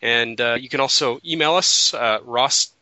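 A man with a cold and a fading voice hosts a casual web radio chat, rambling and restarting his sentences. His tone is piercingly bright and tense. The audio is dry and muffled, like lo-fi internet radio. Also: medium pitch, normal speed, no echo. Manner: rambling, self-correcting, chuckling. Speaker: podcast co-host.

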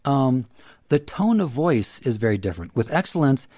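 A male counselor answers a host's questions in a calm, teacherly way. His pitch sits in the middle, and he repeats his key phrases to drive them home. The recording is close and dry. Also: moderate pace, no echo. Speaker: counselor guest. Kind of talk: explaining advice in an interview.

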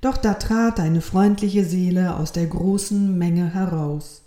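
A woman reading a children's story aloud in a calm, soft, measured way. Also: fairly low pitch. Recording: roomy echo.

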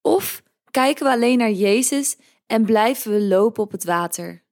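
A woman hosting a podcast, reading a devotional in a gentle, measured way. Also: on the high side, expressive. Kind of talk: calm scripted devotional reading.

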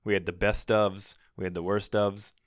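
A man's voice: lowish voice, level tone, moderate pace, no room sound. A man co-hosting a podcast, chatting casually with a dry, wry manner and reading old archive clips aloud. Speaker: podcast co-host.

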